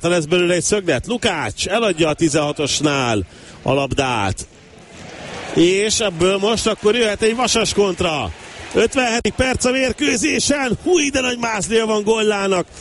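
Male football commentator, high voice, excited sports commentary prone to shouting, over faint stadium noise. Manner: excited, bursting into shouts at key moments.

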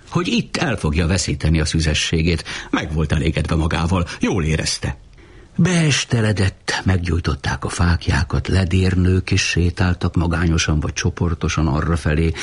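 A man reading a novel aloud as an audiobook narrator, with a measured, rhythmic delivery. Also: low voice, breathy edge.

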